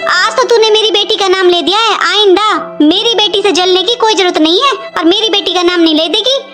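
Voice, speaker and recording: Someone doing a shrill bossy cartoon mother-in-law. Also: brisk, music in the background. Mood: scolding. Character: harsh scolding middle-aged mother-in-law. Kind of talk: animated cartoon voice acting.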